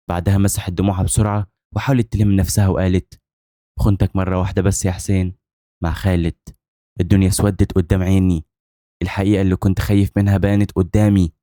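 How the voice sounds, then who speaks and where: A man's voice: low voice, dark tone, no echo, clean studio sound. A man with an Egyptian accent narrating a dramatic first-person story, intense and brooding. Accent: Egyptian Arabic.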